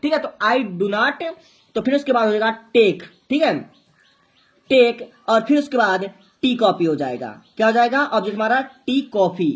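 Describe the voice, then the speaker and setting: A woman's voice: a little high, animated, moderate pace. A woman teaching a translation lesson, explaining each step, asking and answering her own questions, and spelling out words letter by letter. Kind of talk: Hindi-to-English translation lesson.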